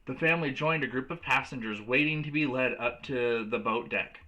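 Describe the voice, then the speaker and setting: Guy reading a story out loud to kids like a teacher, really bright forward voice, medium pitch. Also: normal speed, muffled recording. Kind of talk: read-aloud storytelling to children.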